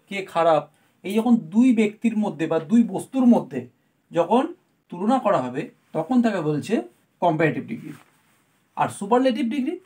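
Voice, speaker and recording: Grammar teacher, woman, middle-pitched, patient step-by-step explainer who keeps checking that her students follow. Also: warm tone.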